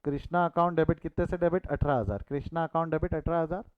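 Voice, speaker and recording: A man gives an animated accountancy lesson, his voice sitting a little high. He keeps repeating phrases and asking the class questions. The sound is dry and a bit dull, like a lo-fi recording. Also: quick pace, smooth, no echo. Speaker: accountancy teacher. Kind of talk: lively classroom lecture with storytelling.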